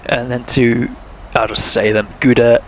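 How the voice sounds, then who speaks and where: A man's voice: medium pitch, little pitch movement, measured pace, slight background noise, low-quality recording. A young man, chatting casually while streaming a flight sim, thinking aloud and talking to viewers, with a sore throat. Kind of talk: casual live-stream commentary.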